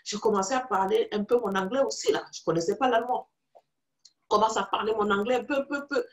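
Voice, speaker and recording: A woman's voice: on the high side, fast talker. A woman from Africa telling her own story as a preacher, acting out the dialogue of the people in it. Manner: animated storytelling, acts out dialogue with others in the story. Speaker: preacher and teacher. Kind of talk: testimony in a teaching video.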